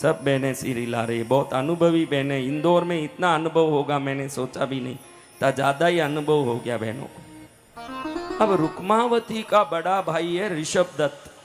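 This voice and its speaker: High-voiced male katha preacher. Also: moderate pace, over music. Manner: dramatic, questions the women in the audience. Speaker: katha storyteller. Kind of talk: devotional katha sermon. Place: live religious gathering.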